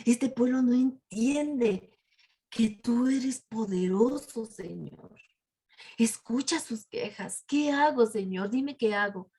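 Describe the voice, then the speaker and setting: A woman's voice: fairly high pitch, animated, measured pace. A woman voicing a weary older male leader who earnestly pleads with God. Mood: pleading. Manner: earnest, imploring.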